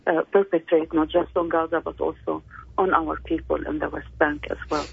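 An older woman from the Palestinian diaspora, a candidate speaking slowly and haltingly in a radio interview over the phone. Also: low-pitched, level tone, gravelly, breathy edge, dry recording. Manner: slow, halting, many pauses and fillers. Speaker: political candidate guest. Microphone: phone call. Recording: tinny phone line.

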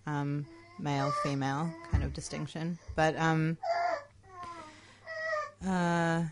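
A low-pitched Australian woman talks in a relaxed radio studio chat. She is reflective and hesitant, filling pauses with ums and likes, and often laughs as she talks. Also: background noise. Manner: reflective, hesitant, many fillers, laughs easily. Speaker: radio co-host.

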